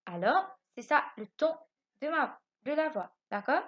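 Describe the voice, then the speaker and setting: A woman's voice: sits high, a little slow, highs cut off. A woman teaching French grammar to young children in a recorded lesson, asking questions and answering them herself. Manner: lively, repeats points, asks questions and answers them herself. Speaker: primary school French teacher.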